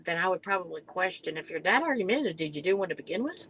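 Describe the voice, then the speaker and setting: A woman's voice: on the low side, animated, very fast, a bit bright, a little hiss or hum. A woman with an Appalachian accent talking casually and earnestly on a panel, in a folksy way that repeats words for emphasis.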